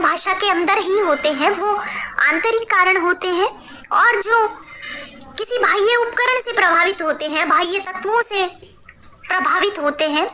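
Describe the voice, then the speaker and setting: A woman teacher giving a measured, patient spoken lesson, often repeating her phrases. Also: extremely high pitch. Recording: clear background noise with clicks.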